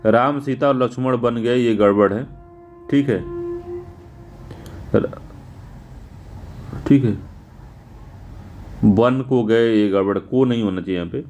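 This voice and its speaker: A male teacher going through exam answers, spelling words out slowly and repeating them, casual in tone. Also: mid-range voice, a little mellow, a little hiss or hum. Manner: informal, repeats "theek hai" often.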